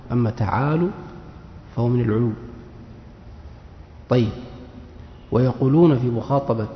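A man teaching a classical Arabic grammar lesson. He reads a text aloud slowly, then explains it. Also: mid-range voice, slight background noise. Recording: echoey hall, dull lo-fi sound.

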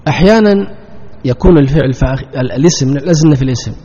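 Here the grammar teacher speaks at a medium pitch, racing along in a mellow, husky voice, quizzing his class, supplying the answers, and going back over the key terms. The sound is dull and lo-fi, with the long echo of a hall.

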